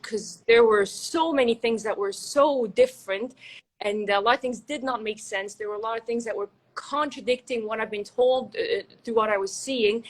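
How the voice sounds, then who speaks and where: A woman's voice: on the high side, poor audio. A young woman from Egypt, a guest in an interview, talking in a reflective, chatty way. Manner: chatty, restarts and fillers, reflective. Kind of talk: casual interview.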